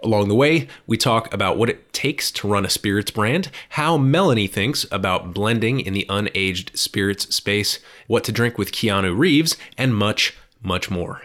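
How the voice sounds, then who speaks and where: Guy hosting a spirits podcast, lowish voice, reads the intro then chats with fillers. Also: animated, moderate pace, few pauses, fairly bright tone. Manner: friendly, enthusiastic, hesitant fillers in questions. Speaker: podcast host. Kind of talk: scripted intro then casual interview.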